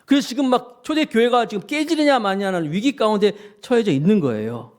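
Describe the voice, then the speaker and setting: A male pastor giving a lively sermon, acting out grumbling voices and asking his congregation questions. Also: sits high, brisk.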